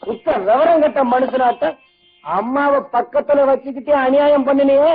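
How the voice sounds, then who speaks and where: A man's voice: extremely high pitch, moderate pace. An actor playing a young man who bitterly accuses his cruel father with mocking, taunting questions. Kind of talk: 1980s film acting. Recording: tinny old film soundtrack, faint music.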